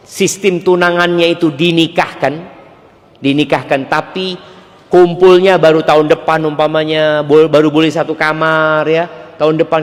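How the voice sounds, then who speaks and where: A man's voice: a little high, in a large hall. A male preacher giving a religious lecture and answering audience questions, in a conversational way with joking asides.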